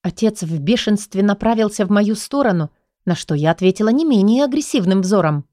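A woman reads a first-person romance audiobook in a dramatic, emotionally charged way. Her voice is mellow and dark in tone, at a middle pitch, and recorded dry and close. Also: lively intonation, brisk, no echo. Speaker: audiobook narrator.

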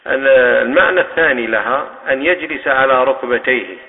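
A man's voice: medium pitch, brisk. Algerian male mosque teacher, patient explainer; thin phone-like audio, long hall echo. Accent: Algerian Arabic. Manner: patient, explaining terms and coaching students to demonstrate. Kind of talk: hadith commentary lesson. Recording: tinny lo-fi recording with long mosque reverb.

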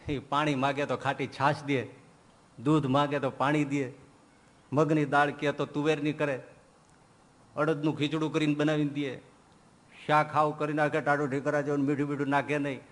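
A male preacher giving an animated sermon, quoting verses and acting out stories as he goes. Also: mid-range voice. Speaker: religious preacher. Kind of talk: sermon with storytelling.

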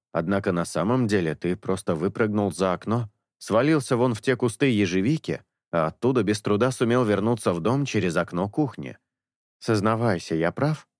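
A man playing a patient young priest, coaxing a pet to own up in a calm, reasoning tone. The voice sits low but moves a lot in pitch, and it sounds close and dry. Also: normal speed, dry recording, natural voice. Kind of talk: audiobook character dialogue.

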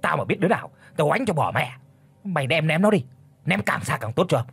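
A loud, bossy old village chief who barks orders and spits curses, as a man puts him on. His husky voice swings widely in pitch and runs quick and forceful in this spoken storybook. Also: animated, heavily acted. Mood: furious. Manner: shouts curses and orders, stammers in fright.

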